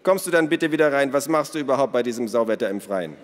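Male reader voicing a patient, wry father, dry and unhurried, storybook, reverberant sound. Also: medium pitch, pitched above the performer's own voice, natural voice. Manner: calm and dry. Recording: long reverb.

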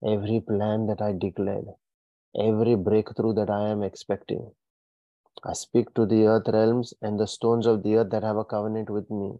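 A man's voice: lowish voice, flat delivery, moderate pace, no room sound, lo-fi sound. A man leading a fiery deliverance prayer, issuing commanding declarations in bursts. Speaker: prayer leader.

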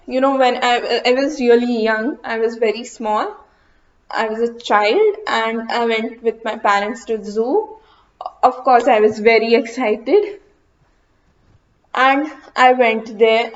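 A young woman hosting her own podcast, talking casually with many fillers, restarts and hesitations. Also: fairly high pitch. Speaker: podcast host. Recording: dull lo-fi recording.

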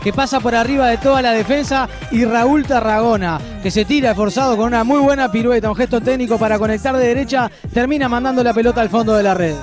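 A man's voice: very high-pitched, quick pace. A man describing football plays in detail as a radio match commentator. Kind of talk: fast match recap commentary. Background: music.

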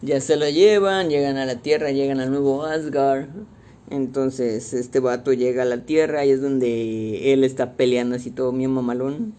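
A young man with a Mexican accent, casually recapping a movie in slangy, animated talk and acting out the quotes. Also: mid-range voice, normal speed. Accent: Mexican Spanish.

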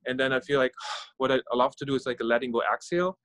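A man's voice: mid-range voice, very fast, fairly bright tone, dry recording. Norwegian-German man talking thoughtfully. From Norway and Germany. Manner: searching, thinking aloud, with many fillers and sighs. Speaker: guest, startup founder and meditation guide. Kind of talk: casual interview conversation.

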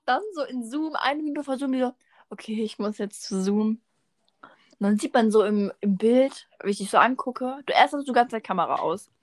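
Teen girl yapping with her bestie, bit high pitched, acts out convos. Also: expressive, a little fast, dry recording, studio quality. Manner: chatty, acts out quoted exchanges in a storytelling way. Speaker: podcast co-host. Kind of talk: casual chat between friends.

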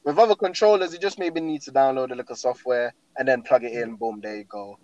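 A man's voice: medium pitch, fast, a little mellow, muffled recording. A young man with a London roadman accent and slang, chatting casually and emphatically, often repeating his phrases. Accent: London, urban roadman slang style. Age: young adult. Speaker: guest talking through favourite games. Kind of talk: casual chat.

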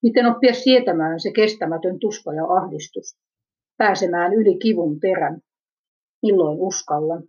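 Woman, husky mid-range voice, reads a searching first-person narrative; muffled low-fidelity sound. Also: a little mellow. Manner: introspective, self-questioning. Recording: dull lo-fi recording.

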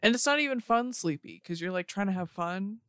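A woman's voice: medium pitch, lively intonation, fairly quick, fairly bright tone, clean tone, no echo, studio quality. A woman hosting a casual podcast, musing aloud in a rambling way, full of "like" and trailing thoughts. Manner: rambling, filler-heavy musing. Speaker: podcast host and streamer. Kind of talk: casual chat.

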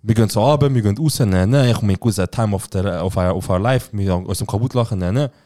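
Fast-talking young man telling a story. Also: fairly low pitch. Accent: Swiss German. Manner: animated, quotes people with "ich so" and acts out their lines. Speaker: podcast co-host. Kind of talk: casual storytelling chat.

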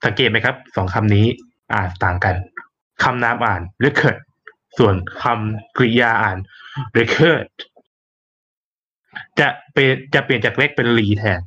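A man's voice: lowish voice, moderate pace, a bit bright, dull audio. A man patiently explaining an answer on a quiz show, spelling out the pronunciation step by step. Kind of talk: explanatory narration.

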